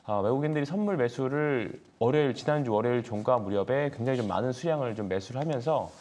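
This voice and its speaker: Stock analyst guy on a tv show, normal pitch, talks it through with lots of eh and kinda maybe. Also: fast talker, a little mellow. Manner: hedging, conversational analysis with many fillers. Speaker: securities firm team leader, guest analyst. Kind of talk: TV interview market analysis.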